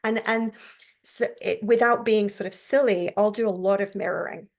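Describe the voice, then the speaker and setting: A woman teaching a class on therapy technique in a relaxed, conversational way, often checking in with her listeners. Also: medium pitch, moderate pace, gravelly. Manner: acts out client and therapist voices.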